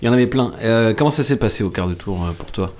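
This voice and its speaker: A man's voice: fairly low pitch, lively intonation, quick pace, darkish tone, a little hiss or hum. A man hosting a radio show, asking a guest questions in a jokey, upbeat way. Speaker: radio host. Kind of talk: casual radio interview chat.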